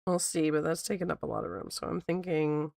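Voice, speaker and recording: A woman who sounds squeaky like a toy because she is sick, chatting casually on an art livestream and thinking out loud as she works. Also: level tone, fairly quick, creaky, no echo, studio quality. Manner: thinks out loud, repeats herself. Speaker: art streamer. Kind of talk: casual livestream chat while drawing.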